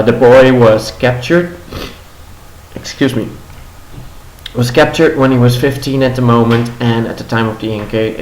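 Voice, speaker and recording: A young native Dutch speaker delivers a casual daily news rundown with commentary from a home room in Los Angeles, captured in a roomy recording with faint ambience. His voice is a little low after a concert, and his delivery halts with many ums and restarts.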